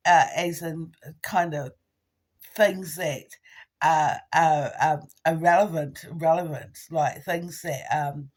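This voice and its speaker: A woman, trying out informal stand-up comedy in a halting, giggly, conversational way. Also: deep voice, fairly even intonation. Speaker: amateur comedian. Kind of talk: informal stand-up attempt for social media, casual rambling.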